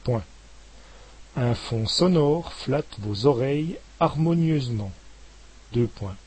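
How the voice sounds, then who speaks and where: Male dictation reader, breathy, very slow and measured, calls out punctuation. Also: darkish tone, rough recording. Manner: measured, articulating each word, dropping lower on punctuation marks.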